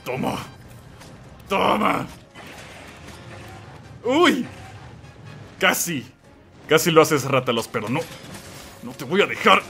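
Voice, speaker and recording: A man narrates his own gameplay in a high, bright voice that swings widely in pitch, though his pace is unhurried. He keeps yelling and exclaiming at the game and talking straight to the monster. Faint music plays underneath. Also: very animated, creaky. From Mexico. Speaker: gamer playing and commenting. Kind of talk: excited let's-play commentary.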